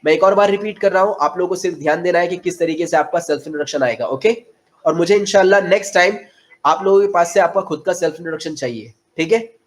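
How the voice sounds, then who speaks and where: A man in his twenties with an Indian accent teaching an online spoken English class. He switches between Hindi explanations and slow, carefully spaced English model sentences. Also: high-pitched. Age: 20s.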